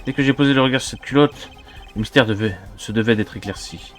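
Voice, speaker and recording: A man's voice: medium pitch, quick pace, lightly acted. Guy putting on a nervous nerdy student witness, pleading, goes on about science. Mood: pompous. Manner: protests in a pleading voice.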